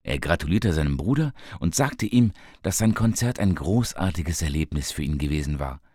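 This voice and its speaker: A man reading a story aloud in a calm, scripted narration, raising his voice for the characters' quoted lines. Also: slightly rough, no echo, clean studio sound. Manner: calm, slow, lifts pitch for quoted characters.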